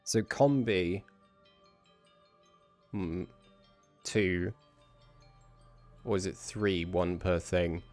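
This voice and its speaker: A man's voice: low voice, drawn-out words, pauses often, darkish tone, faint music behind. A man streaming a video game, thinking aloud in casual commentary as he plays. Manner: thinking aloud, muttering to himself.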